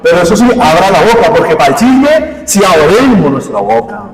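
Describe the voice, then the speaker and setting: A man's voice: sits high, big pitch swings, a little fast. A man preaching a homily as a priest, constantly quizzing his congregation with rhetorical questions. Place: church. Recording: echoey church hall from far off.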